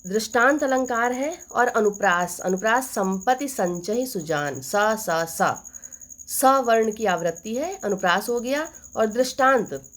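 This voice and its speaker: A woman Hindi teacher explaining classical couplets for exam students. She poses rhetorical questions and answers them herself, and recites verse lines slowly and deliberately. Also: on the high side. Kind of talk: exam-focused poetry lesson.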